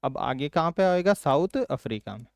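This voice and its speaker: Man, exam-prep lesson, quizzing then answering low, fairly high voice, smooth and clear, dry close mic. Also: lively intonation, no room sound. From Rajasthan, India. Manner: quizzes students with quick questions, then answers in a low, softer voice. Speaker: teacher.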